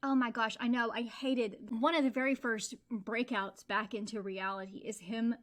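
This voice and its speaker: A woman co-hosting a book podcast in casual chat, lively and quick to laugh as she acts out bits of the story. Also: on the high side. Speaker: podcast co-host.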